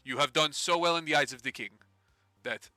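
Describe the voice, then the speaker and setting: A man putting on a brisk, cheery guild boss lady. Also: a little high, pushed and bright, no echo. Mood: cheerful. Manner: fake French accent.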